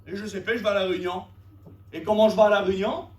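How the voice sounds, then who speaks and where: A man preaching a sermon, emphatic and repetitive, rising to shouts at the high points. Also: steady tone, quick pace. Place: church. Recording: echoey church room from a distance.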